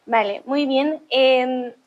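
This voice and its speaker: A woman from Honduras preaching a sermon, speaking in short phrases and pausing for an interpreter. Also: high voice, steady tone, muffled recording. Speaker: guest preacher. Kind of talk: bilingual sermon with live interpreter.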